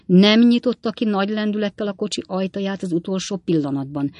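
A woman narrating an audiobook of a classic novel in an even, measured reading. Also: mid-range voice, no room sound, studio quality.

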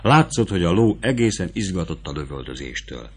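A man reading a novel aloud as a narrator, in a steady, measured storytelling voice. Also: low voice, husky.

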